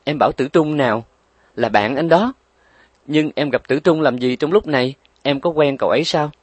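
A man voicing an anxious older brother, hurried and worried. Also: fairly high pitch, husky, dry recording, pitched above the performer's own voice. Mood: puzzled.

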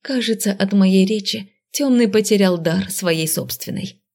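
A woman reading first-person narration of an audiobook in an even, expressive storytelling manner. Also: mid-range voice, unhurried, creaky. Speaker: audiobook reader.

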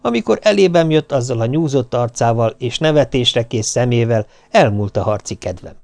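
A man narrating an audiobook with a wry, lively storytelling manner. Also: medium pitch, vocal fry, no echo. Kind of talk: audiobook reading.

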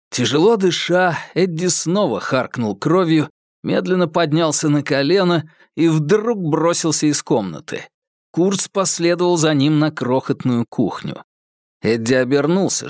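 A man's voice: on the high side, expressive, a little slow, a little mellow, no echo, studio quality. A man narrating a crime story as an audiobook, vivid and dramatic.

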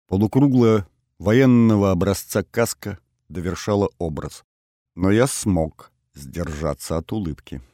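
A man with a very low, dark voice reads a first-person adventure audiobook. His delivery stays even and matter-of-fact. The recording is dry and close. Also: no echo. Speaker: audiobook narrator.

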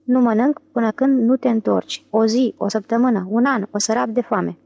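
A woman's voice: a little high, fairly even intonation, vocal fry, no room sound, muffled recording. A woman voicing a middle-aged intellectual husband, nasal, whiny and melodramatic, wailing in self-pity. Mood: pleading.

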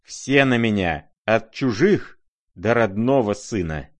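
A man's voice: lowish voice, expressive, slow pace. A man voicing a raging, pompous old retired general in a novel reading. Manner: thundering, wounded pomp.

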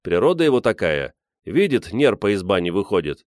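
A man's voice: on the low side, very animated, fairly quick, darkish tone, no room sound, studio quality. A man playing a sly old polar explorer with a teasing manner who spins tall tales. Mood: joking.

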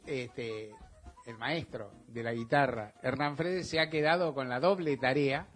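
A man's voice: fairly high pitch, fairly bright tone. A man hosting a radio show with an Argentine Spanish accent, talking loosely with chatty, joking asides. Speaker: radio host. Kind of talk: relaxed radio talk.

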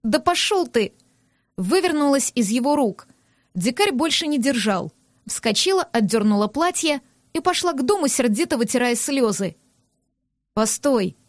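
Woman reading a lively audiobook. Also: high voice, moderate pace, no room sound, clean studio sound. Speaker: audiobook reader. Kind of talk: first-person audiobook narration.

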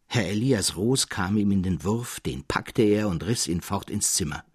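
A man narrating a classic story in an expressive reading, in a studio. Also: fairly low pitch, normal speed, slightly rough, no echo.

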